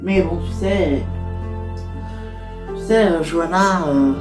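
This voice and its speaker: A woman's voice: on the low side, takes it slowly, over music. A woman voicing a heartbroken but upbeat young female singer in an amateur toy-figure drama, talking hesitantly with many fillers.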